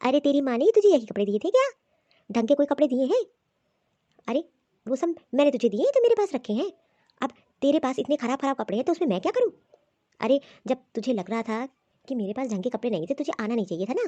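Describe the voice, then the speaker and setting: A woman voicing a scheming, scolding middle-aged mother-in-law in a cartoon, talking in a sharp, taunting, bossy way. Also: high-pitched, very animated, fast, dull audio. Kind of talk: cartoon voice acting.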